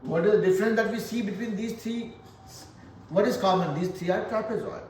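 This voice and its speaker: A man's voice: sits high, a little fast, a little mellow, a little hiss or hum. Joking male math teacher, echoey room. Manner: joking, motivational, addresses class directly. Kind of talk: classroom lesson. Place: classroom. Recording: echoey classroom from far off.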